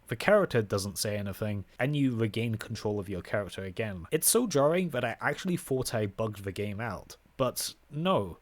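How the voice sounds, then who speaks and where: A man's voice: medium pitch, no echo. A man giving sarcastic, exasperated commentary while reviewing a horror game. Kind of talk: gameplay commentary.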